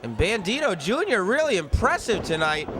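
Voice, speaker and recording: A man's voice: sits high, sing-song, moderate pace. A man giving color commentary on live wrestling, with conversational, analytical asides. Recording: noisy live event background.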